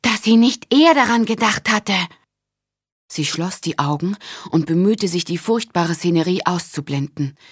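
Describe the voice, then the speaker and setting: A woman reading a fantasy audiobook in a calm, expressive narrating voice. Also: lowish voice, normal speed, breathy edge, dry recording, studio quality.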